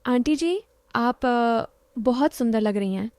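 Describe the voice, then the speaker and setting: A woman's voice: fairly high pitch, expressive, slow pace, darkish tone, clean tone, no room sound. A woman voicing a bashful young married milkman who talks hesitantly and stammers.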